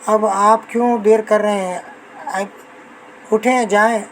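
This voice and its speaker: Woman doing a worn out husband grumbling under his breath, flat and even, slight noise. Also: mid-range voice, close to an everyday voice, low-quality recording. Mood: urging. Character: weary henpecked middle-aged husband. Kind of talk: audiobook novel reading.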